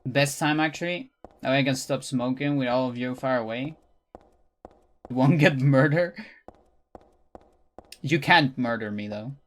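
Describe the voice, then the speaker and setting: A game streamer with a Chilean accent and a medium-pitched voice, a native Spanish speaker. The talk is casual and off the cuff, aimed at a live chat. The manner is playful and teasing. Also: a little slow, long pauses. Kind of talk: casual livestream chat while gaming.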